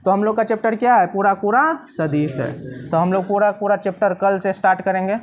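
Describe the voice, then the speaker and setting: A man's voice: high-pitched, fairly even intonation, a little fast, a little hiss or hum. A male physics teacher, giving a classroom lecture and often asking the students if they have understood. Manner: repeats questions to students, casual teasing checks.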